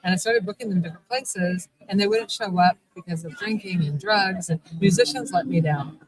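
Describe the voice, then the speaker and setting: A middle-aged woman who owns a vampire shop is a guest at a convention event, telling a long, rambling story in a casual live interview. Her voice is lowish and brisk, with many restarts, captured in poor audio amid crowd noise.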